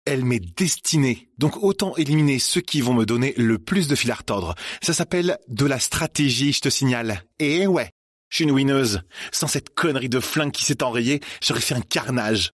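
A man putting on a cruel, scheming teenage girl from a storybook, her voice pushed up high and slightly husky as she mocks and gloats. The recording is dry and close, with no room sound. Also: animated, normal speed, dry recording, close to an everyday voice. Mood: gloating. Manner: mocking, arrogant.

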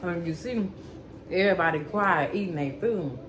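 With a lowish, fairly bright voice and a moderate pace, this cooking channel host in her thirties talks over slight background noise. Her casual home-kitchen vlog is chatty and aimed straight at viewers, addressed as y'all and baby.

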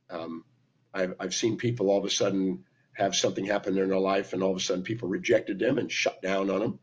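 Talking to the camera in an indoor room at home, a teacher and speaker, an older man with a laryngitis-roughened, raspy, hoarse voice, gives a forceful lesson. His pitch sits on the low side as he lectures, marking each point with his hands. Sound quality is dull, lo-fi webcam audio.

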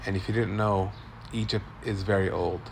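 A man's voice: low-pitched, fairly even intonation, normal speed, noisy background. A man in his forties doing upbeat tour-guide commentary as a food vlogger, filming on a phone at an outdoor street food stall. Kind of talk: casual walk-and-talk food narration.

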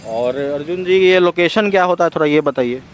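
A chatty man, his voice muffled by a face mask, runs a street food vlog outdoors. He asks the vendor question after question, and his voice sits a little higher than most men's. Faint traffic hums behind him. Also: fairly quick. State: speaking through a face mask. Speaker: food vlogger. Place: outdoor roadside food stall in a city.

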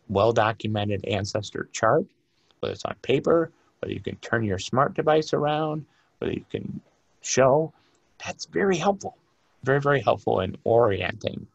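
Low gravelly male lecturer. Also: no echo, highs cut off. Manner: emphatic and direct, with rhetorical questions. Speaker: librarian and archivist lecturing. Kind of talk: conference lecture.

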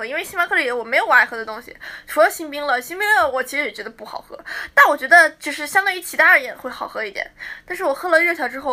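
A woman's voice: high-pitched, bright, forceful tone. A teenage girl idol chatting casually with fans on a livestream, playful and talkative. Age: teens. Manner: chatty, playful, mimics fans' teasing.

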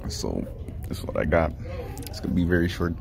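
A man's voice: low-pitched, sing-song, a little fast, gravelly, crowd noise. A young man recording a casual school vlog on a phone held at arm's length, playful and laughing, repeating his words. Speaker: vlogger. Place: school hallways, indoors.

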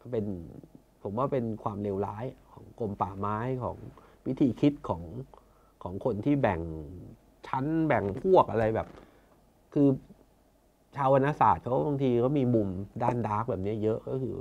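A man's voice: mid-range voice, moderate pace, highs cut off. A man chairing a conservation foundation, talking in a casual storytelling way, blunt and colloquial, now and then acting out other people's words. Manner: colloquial, blunt, acts out quoted officials.

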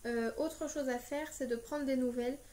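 A young woman from France giving casual parenting advice in a vlog, pausing often with fillers as she talks. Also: high-pitched, fairly even intonation, mellow. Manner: hesitant, many filler pauses. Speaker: parenting vlogger.

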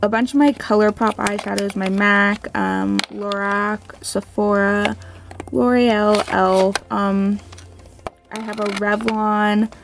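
A woman's voice: mid-range voice, flat delivery, slow, background noise. A young woman chatting casually to camera in a rambling, apologetic way, her speech slightly slurred by an appliance in her mouth for an overbite. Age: young adult. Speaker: beauty vlogger. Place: small bedroom at home.

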